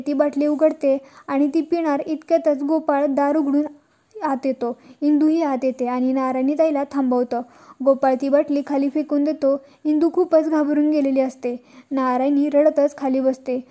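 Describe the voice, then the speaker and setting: High-voiced woman retelling a serial. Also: little pitch movement, moderate pace, dark tone. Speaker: serial recap narrator. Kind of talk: storytelling recap.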